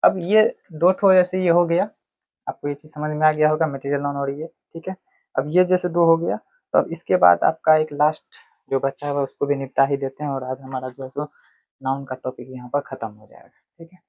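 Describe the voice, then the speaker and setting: A man teaches a grammar lesson, asking himself questions and answering them step by step. His voice sits a little high. The sound is thin and phone-like, with no room echo. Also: steady tone, moderate pace. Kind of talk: classroom lecture. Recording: tinny phone-like dry sound.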